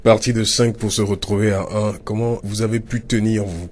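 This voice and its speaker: A man hosting a radio interview, energetic but halting with fillers. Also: lowish voice, slightly rough. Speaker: radio host.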